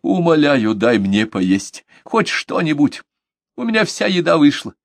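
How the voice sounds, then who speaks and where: A man's voice: fairly high pitch, big pitch swings, unhurried, vocal fry, no room sound, voice pushed up, exaggerated voice. A man voicing a weak, starving male castaway who answers tersely and matter-of-factly. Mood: pleading.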